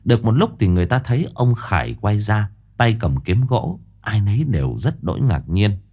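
A man narrating a ghost story in an expressive, dramatic storytelling manner. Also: on the low side, moderate pace.

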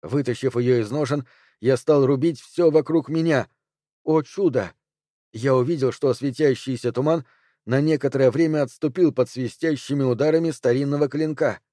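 A man narrating a fantasy audiobook in a measured storytelling manner. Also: medium pitch, dark tone, dry recording, clean studio sound. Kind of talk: scripted narration.

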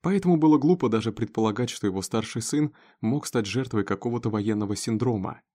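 A man reading a dramatic story aloud in a steady narrating voice. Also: lowish voice, fairly quick. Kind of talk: scripted audiobook narration.

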